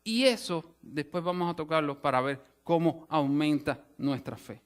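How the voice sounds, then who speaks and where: A man's voice: fairly high pitch, lively intonation, normal speed, clear, resonant tone. A male pastor teaching a sermon in an explanatory way, often restarting phrases and rephrasing with asides. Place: church sanctuary.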